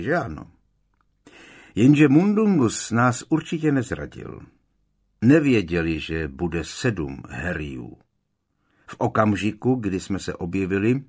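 A man reading aloud as a shaken young wizard in a storybook, his husky, deep voice strained and urgent. He presses on through his account, grim and earnest. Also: exaggerated voice.

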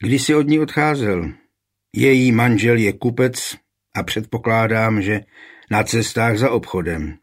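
A man voicing a cool, commanding high royal official questioning a suspect in a historical storybook reading. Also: lightly acted. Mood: stern, calm. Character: stern calm high royal official, middle-aged man.

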